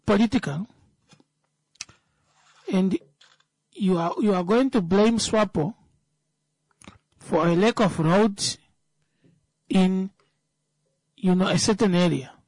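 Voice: medium pitch, takes it slowly, long pauses, a little mellow, dry recording, low-quality recording. A speaker with a Namibian accent giving an impromptu political talk, emphatic, repeating phrases and answering their own rhetorical questions.

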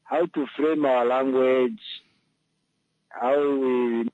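A man's voice: mid-range voice, steady tone, no room sound. A man calling in on a choppy phone line. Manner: halting, with fillers and restarts. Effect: choppy phone line with words cut off at the ends. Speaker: radio call-in caller. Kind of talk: casual phone chat. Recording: tinny phone line with a weak signal.

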